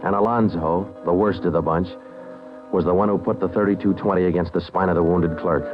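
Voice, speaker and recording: A stoic American police detective played by a male actor narrates in a low, clipped, deadpan voice. It is 1950s radio crime drama, businesslike and matter-of-fact, on a muffled old recording with music. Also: brisk, natural voice.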